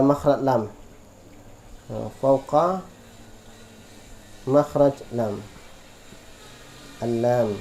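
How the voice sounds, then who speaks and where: Indonesian man, fairly high voice, slow deliberate tajweed teacher drilling letter sounds. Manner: patient, repeats sounds slowly for students to copy. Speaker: Quran recitation teacher.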